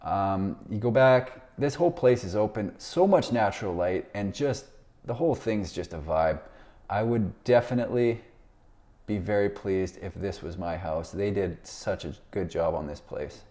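A man's voice: fairly low pitch, animated, moderate pace, mellow. A man in his thirties giving casual, upbeat commentary on a home tour, recorded in a home office. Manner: upbeat, enthusiastic, easygoing. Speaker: real estate video host.

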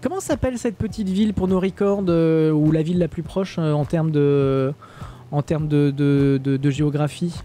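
Un streamer français sans accent qui commente un simulateur de vol en direct, lit le chat et plaisante, avec beaucoup d'hésitations. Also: male voice, a little high, normal speed, warm tone, soft background music. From France. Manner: chatty, joking, many hesitations. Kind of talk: live-stream flight sim commentary, reading chat.

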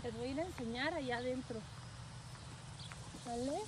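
A woman's voice: sits high, normal speed, noisy background. A woman truck driver, chatting casually with viewers on a live stream from a phone outdoors at a rest area, greeting them by name and laughing often. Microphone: phone held at arm's length.

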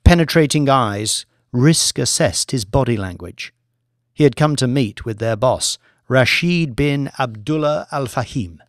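A man narrates a thriller audiobook in a medium-pitched voice, measured and dramatic like scripted storytelling. The recording is close and dry, with no room sound at all.

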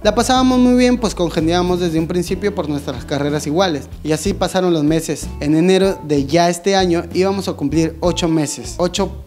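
A man's voice: high voice, a little fast, hardly any pauses, a little mellow, faint music behind. A young man, reading listener love stories aloud with theatrical, mocking asides and acted-out quotes. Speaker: comedy storyteller host.

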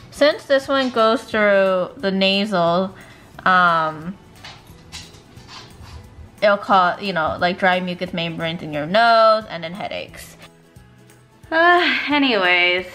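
A nursing student in her twenties chats casually to the camera for her vlog, her talk packed with "like" and "um." She's chatty and leans on fillers constantly. Her voice is medium-pitched with a sharp tone.

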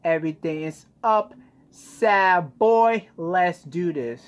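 A young man speaks slowly in a high voice while hosting a reaction video, keeping it casual and full of exclamations. He's indoors in a small bedroom, recording on a phone. The sound is lo-fi and noisy.

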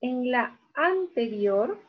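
A woman teacher giving an online lesson, talking slowly and repeating key words syllable by syllable. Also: a little high, big pitch swings. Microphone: video call. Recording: dull video-call audio.

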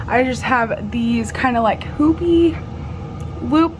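A bubbly young woman with a fairly high voice chats to her vlog like an excited sorority girl. Her talk is casual and sprinkled with "like". The camera microphone picks up clear room noise around her. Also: slow pace. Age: young adult. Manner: heavy use of "like". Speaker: vlogger, college sorority member. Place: small dorm room, indoors. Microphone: handheld camera at arm's length.

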